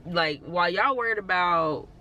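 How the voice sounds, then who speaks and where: A woman's voice: fairly low pitch, normal speed, bright, forceful tone, dull audio, a little hiss or hum. A woman vlogging in a casual, rambling way, encouraging her viewers and filling her talk with "like" and "you know". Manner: encouraging, reassuring. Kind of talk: casual motivational talk to camera.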